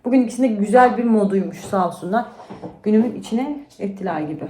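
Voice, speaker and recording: A woman's voice: medium pitch, quick pace, dark tone. A woman and mother talking casually to camera in a home vlog, sounding tired as she vents about her day. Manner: chatty, tired and venting. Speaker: vlogger and mother. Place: at home indoors. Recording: echoey room, faint noise.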